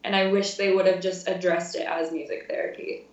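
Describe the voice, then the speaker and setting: A woman's voice: fairly low pitch, level tone, brisk. A woman in her twenties, a music therapy intern, chatting casually in an interview with frequent fillers and laughs. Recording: roomy, distant, dull sound.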